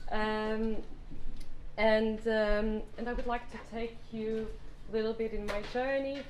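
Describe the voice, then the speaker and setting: A Portuguese woman in her thirties gives a guest talk in a lecture room, her mid-range voice carrying a darkish tone and a Portuguese accent. Her delivery is hesitant, full of fillers and restarts, with slightly non-native phrasing. The hall sounds roomy, with faint background noise.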